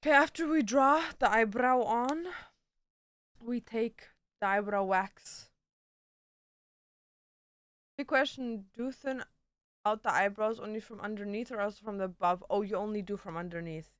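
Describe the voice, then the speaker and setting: A woman answers her viewers during a casual livestream from her indoor home setup, talking bluntly with slang and playful swearing. She speaks at medium pitch and a moderate pace in a clear, resonant voice, and the recording is dry.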